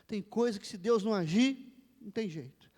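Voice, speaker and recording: A Brazilian man preaching a sermon as pastor, moving between low, earnest pleading and loud, impassioned exhortation. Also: brisk. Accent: Brazilian Portuguese. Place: church. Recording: long church-hall reverb.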